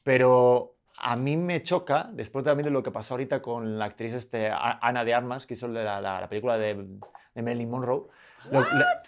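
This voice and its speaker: A man with a Spanish accent from Madrid hosts a relaxed interview, chatting and joking with his guests. His pitch moves around in a lively, animated way while staying mid-range. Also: normal speed. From Spain. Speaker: podcast host. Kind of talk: casual interview chat.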